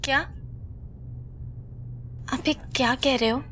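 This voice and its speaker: Brief: earnest young wife, slow and raised, music underneath. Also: female voice, sits high, steady tone. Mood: questioning. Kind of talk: television drama acting.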